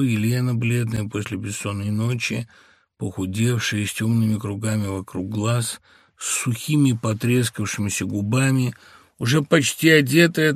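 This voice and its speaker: A man reads a classic story as an audiobook, measured and expressive. His middle-pitched voice has a gravelly texture. The recording is dry and close. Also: dry recording. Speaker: audiobook narrator. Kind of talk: literary audiobook narration.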